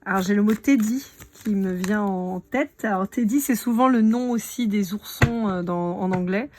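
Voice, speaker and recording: A woman's voice: medium pitch, moderate pace, darkish tone, a little hiss or hum. A woman giving a casual live card reading, chatting directly to her viewers. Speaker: tarot card reader.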